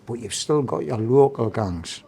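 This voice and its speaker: Male interviewer, Geordie accent, dark mellow voice, casual, rambling. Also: mid-range voice, animated, unhurried, creaky. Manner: rambling, roundabout questions.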